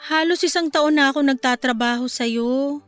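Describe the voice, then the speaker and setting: High woman's voice, pleading desperate mother, apologetic, radio drama. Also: moderate pace, soft background music. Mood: meek. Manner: meek and apologetic, then crying and shouting.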